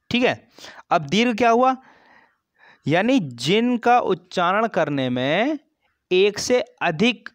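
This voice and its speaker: A man teaching a grammar lesson for an exam, explaining slowly, repeating terms and stretching sounds as examples. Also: a little high, no room sound. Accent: Hindi.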